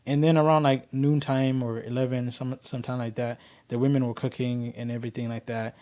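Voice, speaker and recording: A man's voice: mid-range voice, flat delivery, a little fast, warm tone. A man in his twenties, from Kenya, telling his personal story as a podcast guest in an earnest, rambling way with lots of fillers.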